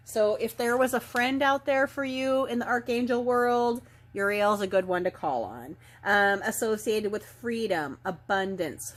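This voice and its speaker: Hoarse from a cold, a medium-pitched woman with a slightly gravelly, raw-throated voice offers a chatty daily oracle card reading. Her gentle spiritual talk rambles unhurriedly through many ums and trailing phrases, filmed indoors under ring lights.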